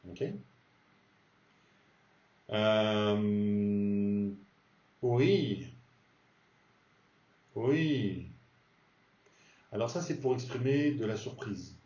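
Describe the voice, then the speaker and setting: A man teaching a casual beginner's language lesson, slowly repeating example words and explaining them patiently. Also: on the low side, mellow. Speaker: Spanish teacher. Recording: distant echoey dull recording.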